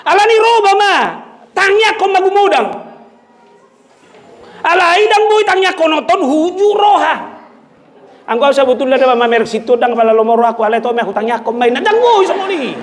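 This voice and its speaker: A male pastor preaching a sermon, animated and switching between shouted exhortation and joking asides. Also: very high-pitched, moderate pace.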